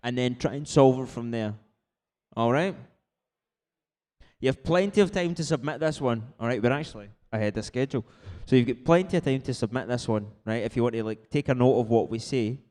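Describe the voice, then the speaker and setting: A man's voice: mid-range voice, a little fast, a little mellow. A man hosting a live quiz in a casual way, explaining things informally with frequent check-in tags. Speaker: quiz host.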